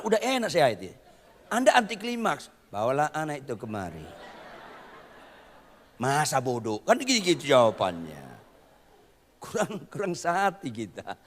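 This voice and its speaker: Male pastor, bright forceful animated delivery, teasing and shouting at his congregation. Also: on the high side, in a large hall. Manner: animated preaching, swinging from quiet asides to shouting. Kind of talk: sermon.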